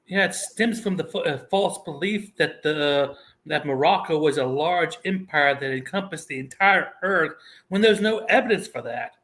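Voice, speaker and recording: This man co-hosts a podcast in an easygoing chat. He has a slightly higher than usual male pitch. His delivery is measured, with dry, sarcastic remarks. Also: fairly bright tone. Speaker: podcast co-host. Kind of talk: casual chat.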